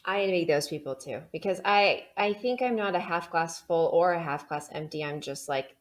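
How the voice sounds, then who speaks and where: A woman's voice: lowish voice, moderate pace. A woman hosting a casual interview. She is chatty and laughs often. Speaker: podcast host.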